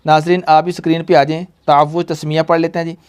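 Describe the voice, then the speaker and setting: A man's voice: a little high, flat delivery, fast talker, darkish tone, clear, resonant tone. A young man teaching a tajweed lesson, patient and repetitive, quizzing his pupils. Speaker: Quran reading teacher.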